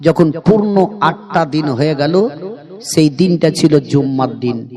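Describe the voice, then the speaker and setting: A man preaching a sermon in a chanting, sing-song style, rising into high cries and urging the listeners to respond. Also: unhurried. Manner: urges the crowd to respond.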